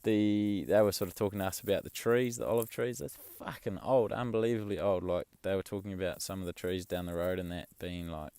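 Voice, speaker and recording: A young man chatting casually in a vlog, rambling and relaxed, swearing offhand. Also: deep voice, brisk, hardly any pauses, smooth, dry recording. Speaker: travel vlogger. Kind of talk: casual chat.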